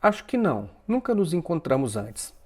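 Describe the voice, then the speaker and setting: A man's voice: fairly high pitch, sing-song, normal speed, voice pushed up. A man voicing a grieving young woman who is guarded and sullen with strangers, in a read-aloud story. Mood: wary. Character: grieving young woman, wary then tearful.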